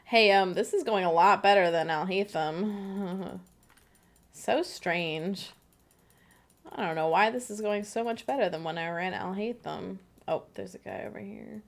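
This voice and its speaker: A woman livestreams a game, chatting in a bubbly, giggly way with her co-op partner. Her medium-pitched voice has vocal fry and moves at a measured pace.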